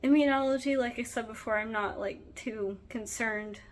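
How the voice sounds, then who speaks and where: A woman's voice: fairly high pitch, normal speed, slight background noise, rough recording. A woman in her twenties, a veterinary student, talks casually and candidly to the camera in a diary-style vlog, with frequent "um" and "like".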